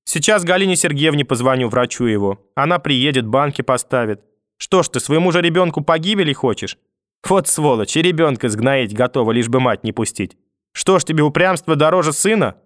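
A shrill, hysterical old grandmother, put on by a man reading an audiobook, wailing and pleading one breath and spitting curses the next. Her voice sits a little high and bone-dry, close to the mic with no room around it. She is manipulative and bitter. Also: lively intonation, a little fast, fairly bright tone, no echo. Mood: pleading threatening. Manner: wailing, pleading then cursing through a door.

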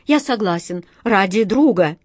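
A woman's voice: mid-range voice, animated, a little slow, a little mellow, no room sound, clean studio sound. A woman voicing a kind, superstitious male sea captain in a storybook, earnest and pleading.

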